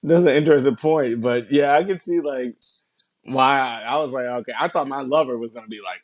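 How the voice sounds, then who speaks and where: A man co-hosting a casual podcast, telling animated stories full of swearing and casual slang. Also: mid-range voice, brisk, no echo. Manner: animated storyteller, swears a lot, says bro. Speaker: podcast co-host.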